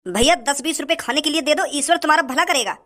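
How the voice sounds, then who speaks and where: A man's voice: extremely high pitch, fast, bright, forceful tone. Man doing a whining hungry beggar. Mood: pleading. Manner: whining, begging. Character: pleading hungry young male beggar.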